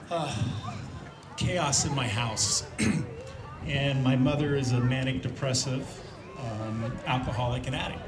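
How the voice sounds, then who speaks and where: A man in his fifties from Indiana gives an earnest, reflective personal testimony at a church event, pausing often on fillers. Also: medium pitch. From Indiana, USA. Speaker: speaker sharing a recovery testimony. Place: large room at a church event with an audience. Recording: roomy hall with audience noise.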